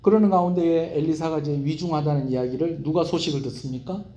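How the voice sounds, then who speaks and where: Brief: male pastor, midweek sermon, animated, mellow tone, echoey sanctuary. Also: fairly high pitch, fast talker. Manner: animated, asks the congregation questions. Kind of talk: Wednesday evening sermon. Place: church sanctuary. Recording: roomy church hall echo.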